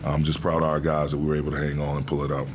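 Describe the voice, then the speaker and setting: A middle-aged man coaching basketball, answering press questions in a measured, deliberate way with many fillers, into a desk mic in a press room. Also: rumbling low, completely flat delivery, background noise. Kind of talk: postgame press conference answers. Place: press room before a logo backdrop. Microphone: desk mic on a stand.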